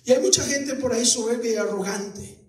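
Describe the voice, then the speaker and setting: Very high-voiced fervent male preacher. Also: fairly quick, distant mic. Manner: fervent, shouting in bursts, acts out voices. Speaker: pastor. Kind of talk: sermon. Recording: echoey room, voice off mic.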